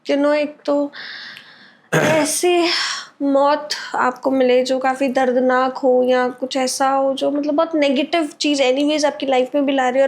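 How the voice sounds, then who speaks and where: A woman with an Indian accent hosting a podcast, chatting quickly and thoughtfully in a mix of Hindi and English. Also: high voice, a little mellow. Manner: reacts briefly, then chats quickly and reflectively. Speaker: podcast host. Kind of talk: casual podcast chat.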